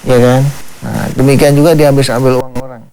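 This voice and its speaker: A man in a TV talk show, explaining religious healing calmly and repeating his points with many fillers. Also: mid-range voice, fairly quick, creaky. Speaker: Islamic healer and preacher.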